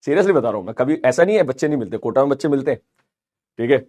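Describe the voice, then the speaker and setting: A man with an Indian accent teaching physics in a live online class, reading out student messages in a fast, chatty, encouraging way. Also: mid-range voice, animated, darkish tone.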